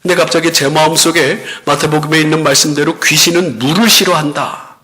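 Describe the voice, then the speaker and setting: A man preaches from the pulpit with a bright, slightly high voice. He tells a story with lively acted quotes and has the congregation repeat short prayers after him. His delivery is animated and rises and falls a great deal. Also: brisk. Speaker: pastor. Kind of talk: sermon.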